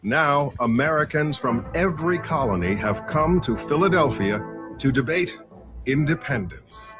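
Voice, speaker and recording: A man narrates a history documentary in a measured, even voice. Clear background music runs under his words, and the sound comes from a played-back clip. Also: a little high.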